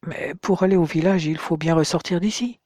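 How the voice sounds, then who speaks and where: A man's voice: on the high side, brisk, darkish tone, dry recording, lightly acted. Brief: reader as a nervous middle-aged man in an audiobook, plain dry delivery, hesitant questions. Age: 40s. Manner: tense calls, then hesitant questions.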